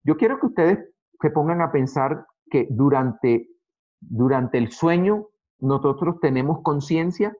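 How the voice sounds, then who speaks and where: A man teaching an Adventist Bible study in an earnest way, addressing his listeners as brothers and slowing down to read verses aloud. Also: fairly high pitch, animated. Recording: dull lo-fi recording.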